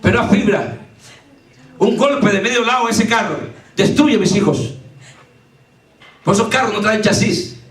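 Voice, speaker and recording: A man preaching a fervent sermon as pastor, often shouting as he tells personal stories. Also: sits high, moderate pace, long pauses. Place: church sanctuary. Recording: echoey church from far off.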